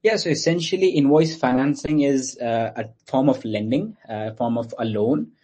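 Guy from pakistan explaining stuff, lots of uhs, mellow husky voice. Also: mid-range voice, moderate pace. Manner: explanatory, with many fillers and restarts. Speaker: guest explaining his company. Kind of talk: interview answers.

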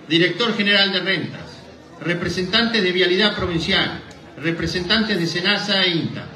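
At a lectern in an indoor hall, a middle-aged Argentine man heading a rural association reads a written speech in Spanish, tripping over words now and then. His high-pitched voice sounds pushed and bright. The recording is distant and echoey, captured via a boom-stand mic and the hall's PA.

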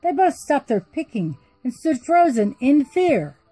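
A woman narrating a rhyming story in an expressive, sing-song way. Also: sits high, unhurried, no room sound.

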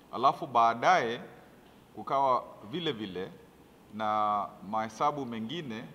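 A man explaining county accounts at a press briefing, pausing with fillers as he goes. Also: mid-range voice. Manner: bright, forceful, with hesitant fillers. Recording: reverberant hall, faint background noise.

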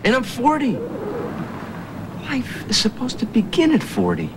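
A man's voice: very high voice, huge pitch swings, unhurried, background noise, heavily acted. An actor in his forties playing a put-upon office worker who sounds exasperated and frantic in a sitcom. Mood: glum. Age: 40s. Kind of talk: sitcom acting. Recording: sitcom audio with studio audience laughter.

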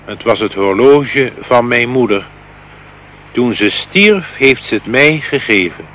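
A man's voice: mid-range voice, animated, takes it slowly, fairly bright tone, slight background noise. A man voicing a bashful, tender-hearted old king in a fairy tale. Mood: soft, shy.

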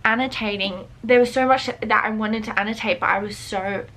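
A woman's voice: a little high, fairly even intonation, fairly quick, fairly bright tone. A young woman, chatting casually and gushing in a reading vlog, full of "like" fillers. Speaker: book vlogger.

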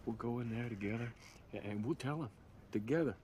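A man's voice: medium pitch, brisk, a little mellow, slight background noise, natural voice. An actor playing an intense, wounded young country man, making an emotional, insistent confession in a film drama. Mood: impassioned confession. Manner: emotional, insistent confession, repeating himself emphatically.

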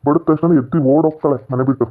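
A man's voice: fairly high pitch, fairly even intonation, fast talker, narrow, tinny audio, slight background noise, natural voice. A man playing an eager police constable. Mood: urging.

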